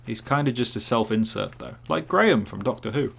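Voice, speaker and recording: A man's voice: mid-range voice, animated, brisk, creaky, a bit bright, a little hiss or hum. A man streaming live gameplay who rambles, jokes and chats with his viewers. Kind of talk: casual live gameplay commentary.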